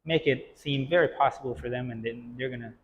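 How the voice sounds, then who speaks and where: A man co-hosting a casual podcast chat about coaching, agreeable and quick to affirm. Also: medium pitch, slight background noise. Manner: agreeable, frequent affirming backchannels. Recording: lo-fi audio in reverberant room.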